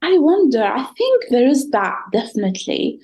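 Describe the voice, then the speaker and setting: A woman's voice: high-pitched, big pitch swings, moderate pace, darkish tone, poor audio. A woman whose first language is Arabic, raised in the Gulf of Palestinian family, telling her faith story as a podcast guest in an earnest, reflective way with some hesitations. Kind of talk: personal testimony interview.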